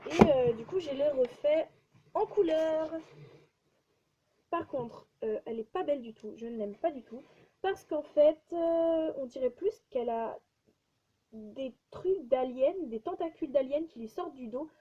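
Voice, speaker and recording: A woman's voice: high voice, a little slow, dark tone. A teenage girl chatting casually and rambling as she shows her drawings, with many fillers and restarts. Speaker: vlogger showing her drawings. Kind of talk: casual chat. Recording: dull lo-fi sound with faint noise.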